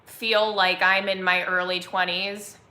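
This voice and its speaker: A young woman in her twenties chats casually on a home live stream, rambling from one thought to the next with plenty of "like" fillers. Her voice is bright and forward. The room around her sounds echoey. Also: medium pitch, little pitch movement, measured pace. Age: 20s. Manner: chatty, rambling, filler-heavy with frequent "like". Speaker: vlogger hosting a live chat.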